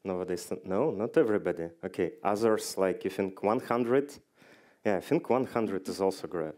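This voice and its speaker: A man's voice: deep voice, normal speed, darkish tone. A man giving a conference talk, joking dryly and quizzing the audience. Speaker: conference speaker. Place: conference hall stage.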